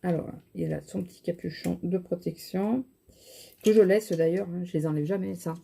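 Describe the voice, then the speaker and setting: Tired, chatty woman with a mellow voice. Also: on the low side, normal speed, creaky, a little hiss or hum. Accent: regional French. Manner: chatty, rambling, many fillers and restarts. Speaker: vlogger showing shopping haul and makeup. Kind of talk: casual chat to camera.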